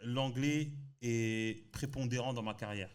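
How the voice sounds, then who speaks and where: French guy guesting on a podcast, lively slangy storytelling, mid voice. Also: mid-range voice, a little slow, smooth. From France. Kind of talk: casual chat.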